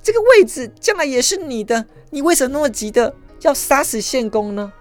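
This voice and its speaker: A woman's voice: animated, quick pace, faint music behind, close to an everyday voice. A woman voicing a scheming ancient court consort who plays the sweet, devoted wife. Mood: feigned shock. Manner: wheedling, theatrical, high and sugary.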